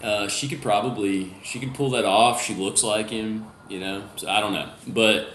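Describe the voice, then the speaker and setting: Uomo che divaga, stanza riverberante. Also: male voice, fairly low pitch, fairly even intonation, normal speed, a bit bright, roomy sound, slight background noise. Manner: rambling, filler-heavy. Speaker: guest. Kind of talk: casual group video chat.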